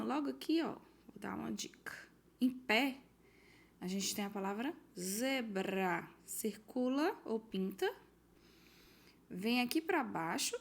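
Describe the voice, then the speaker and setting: A woman teacher from Brazil patiently walking pupils through a worksheet, reading out the questions and giving hints. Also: fairly high pitch. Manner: patient, explanatory, reads out questions and gives hints. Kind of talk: recorded homework walkthrough for pupils.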